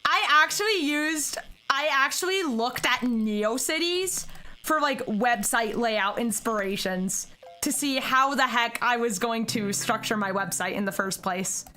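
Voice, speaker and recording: Bright high-voiced young woman streamer. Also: a little slow, slight background noise. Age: young adult. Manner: chatty, talks to chat directly, bursts into excited squeals. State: tearful with joy. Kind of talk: casual livestream chat.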